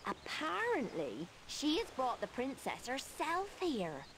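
A woman's voice: sits high, wildly swooping pitch, slow, a bit bright, a little hiss or hum, heavily acted. A woman voicing a friendly, gossipy village woman in a video game, talking politely. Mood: chatty.

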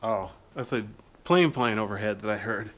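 A man's voice: fairly low pitch, normal speed, a bit bright. A man exploring a lava tube cave and filming himself, muttering casual asides as he goes. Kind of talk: casual vlog narration.

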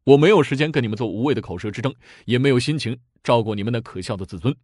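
A man voicing a cold, scornful Chinese army commander who lectures in a stern, even tone. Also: mid-range voice, very fast, no room sound, studio quality, natural voice.

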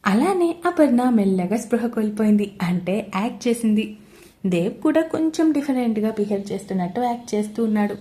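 A woman storyteller giving a scripted narration of a romance story in a steady, even reading. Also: on the high side, a little fast.

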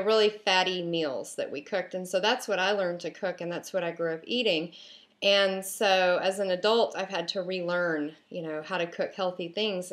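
A woman in her thirties giving practical tips in a casual vlog from her home kitchen, chatty and full of "um" and "you know", recorded on a webcam. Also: on the low side. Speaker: vlogger and mother. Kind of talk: casual talking-head vlog. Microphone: webcam at arm's length.

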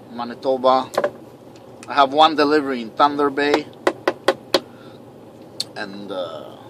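A man's voice: medium pitch, fairly bright tone, a little hiss or hum, low-quality recording. A man in his thirties with a foreign accent, English not his first language, vlogging from his truck cab at night in a rambling, swearing, self-mocking way. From Canada. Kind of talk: casual vlog diary.

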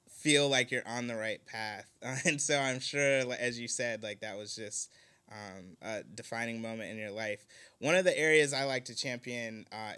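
A man's voice: medium pitch, bright, forceful tone, clean tone. A man hosting an interview, asking long, enthusiastic questions full of fillers. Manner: enthusiastic, uses many fillers. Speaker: interview host.

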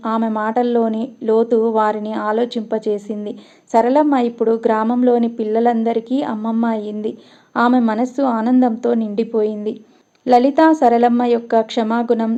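Woman narrating a story in a dark mellow voice. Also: on the high side, level tone, normal speed, muffled recording.

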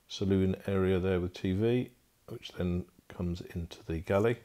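Inside a barge's wooden cabins, a man with a dark, low-pitched voice leads an unhurried walkthrough as a boat broker. He talks casually and off the cuff, using frequent fillers, and the recording comes from a handheld phone.

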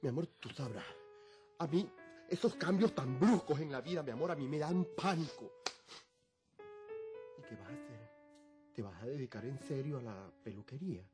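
An actor playing a fussy, soothing friend. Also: male voice, medium pitch, animated, moderate pace, long pauses, music in the background, close to an everyday voice. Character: fussy, caring male friend. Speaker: soap opera character. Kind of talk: telenovela acting.

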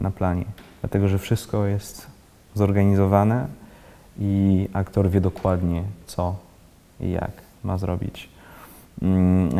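Guest actor, 30s man, low dark gravelly voice, halting delivery, reverberant room. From Switzerland. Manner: halting, searching for words, many restarts. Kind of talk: casual interview talk. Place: indoor library room with bookshelves, seated in armchair.

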